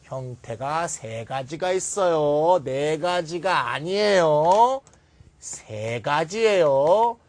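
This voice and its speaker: A male grammar teacher gives a classroom lecture with a lively, swooping voice that rises and falls. He poses questions and answers them himself, and slips into blunt, scolding rants. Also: a little high, drawn-out words.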